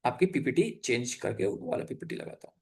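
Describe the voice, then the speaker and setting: A man's voice: medium pitch, sing-song, a little fast, a little mellow. A young adult man teaching an exam-prep geography lesson over slides in a casual, chatty way, full of fillers and self-corrections. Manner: chatty, frequent fillers and self-corrections, mixes in English terms.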